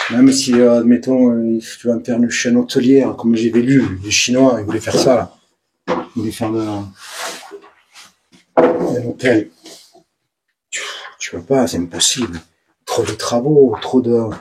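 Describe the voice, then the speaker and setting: Narrating to camera as he roams an abandoned building's ruins, a vlogger with a Provençal southern French accent speaks excitably at medium pitch, repeating words and slipping into quiet mutters. Slight background noise can be heard.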